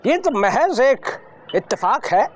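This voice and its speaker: An actor playing a flustered police commissioner husband, exclaiming and protesting in broad television comedy style. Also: male voice, very high-pitched, very animated, unhurried, noisy background, exaggerated voice. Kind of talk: broad television sitcom acting.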